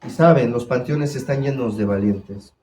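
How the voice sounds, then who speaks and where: Man, pastor, sermon, warm voice, echoey church room. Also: mid-range voice, normal speed, a little hiss or hum. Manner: preaching with questions to the congregation. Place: church hall.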